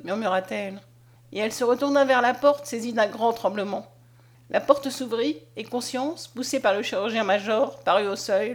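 Woman, audiobook narration, measured and expressive, fairly high voice. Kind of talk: scripted narration of a novel.

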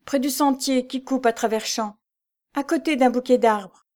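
A woman's voice: high-pitched, normal speed, darkish tone, voice pushed up, natural voice. A woman voicing a flustered elderly widow who talks urgently and out of breath, in an audiobook.

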